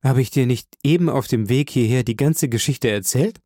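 A man voicing a theatrical, excitable young friend who gushes and wails dramatically in an audiobook. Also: medium pitch, normal speed, dry recording, clean studio sound, lightly acted. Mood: bewildered. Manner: theatrical, swings from gushing to wailing.

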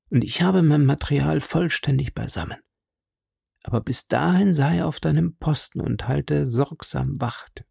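Man putting on a commanding detective voice, intense, gravelly, raised above his low own tone, dry close sound. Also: dry recording. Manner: intense, urgent, often hushed to a whisper. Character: sharp, commanding male detective.

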